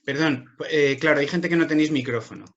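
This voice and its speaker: Passionate man with a high-ish voice. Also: fast talker, lo-fi sound. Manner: passionate and emphatic. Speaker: workshop presenter. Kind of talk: online workshop talk.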